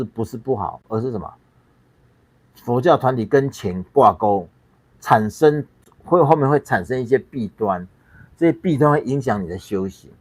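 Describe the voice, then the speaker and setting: A man's voice: mid-range voice, no room sound. A man with a Taiwanese Mandarin accent hosting a livestream, blunt and scornful, swearing freely and repeating himself in emphatic bursts. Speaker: livestream host. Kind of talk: ranting livestream commentary.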